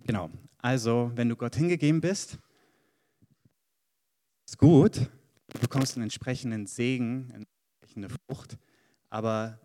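A man's voice: mid-range voice, dark tone. A man giving a conversational sermon to a congregation, reading Bible verses aloud. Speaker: preacher. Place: church hall. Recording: long hall reverb.

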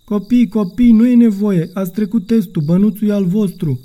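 A man voicing a kindly old man who calms frightened children in a storybook, gentle and reassuring. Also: high-pitched, voice pushed up, lightly acted.

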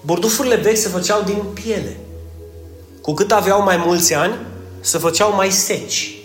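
High-voiced joking preacher, echoey church. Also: male voice, faint music behind. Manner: playful, acts out little scenes, calls on listeners by name. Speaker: pastor. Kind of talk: humorous sermon. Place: church, indoors.

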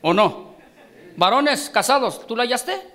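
Emphatic bright-voiced preacher man. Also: very high-pitched, big pitch swings, a little slow. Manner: emphatic, calls out questions to the congregation. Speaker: guest preacher. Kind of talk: sermon.

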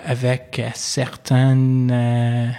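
In this relaxed interview, a man from England in his twenties talks in learner's French with an English accent. His voice is medium in pitch, warm, clear and resonant, but monotone and very slow, full of hesitation, fillers and many repeated "yes"es.

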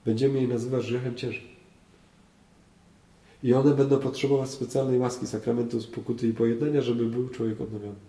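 A man's voice: medium pitch, flat delivery, brisk, mellow. A man, a priest, teaching a group, often asking his listeners questions and repeating phrases for emphasis. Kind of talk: teaching talk on faith. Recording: roomy echo, voice from far off.

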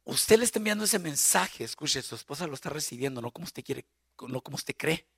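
A man preaching a sermon on marriage as a guest pastor, animated, acting out spouses' lines and shouting for emphasis. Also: on the high side, a little fast, creaky, breathy edge, no echo, studio quality.

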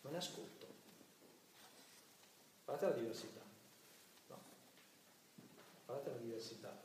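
A man giving a sermon-style talk as a priest, lively, acting out the voices of people praying to mock them. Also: medium pitch, a little slow, a little hiss or hum. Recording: echoey church from a distant mic.

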